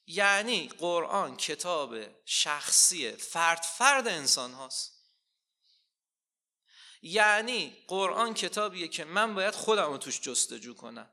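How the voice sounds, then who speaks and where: Man giving a sermon, kinda high raspy voice, slows down to quote verses then punches the questions. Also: very animated, bright, forceful tone. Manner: rhetorical questions, slow quoting of scripture, rising emphasis. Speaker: preacher.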